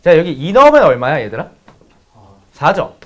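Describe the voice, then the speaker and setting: With a somewhat high, sing-song, slightly bright voice at a moderate pace, a man lectures students on math. He's blunt and swears freely, speaking directly to them while weaving a profanity-laden personal story into the casual lesson.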